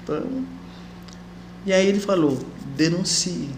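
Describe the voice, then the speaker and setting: A woman recalls her years as an activist in a relaxed interview, slipping into the voices of the people she quotes. Her voice rings in an echoey room with a faint hiss of background noise. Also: deep voice, normal speed. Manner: lively storyteller who acts out quoted voices. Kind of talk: casual interview recollection.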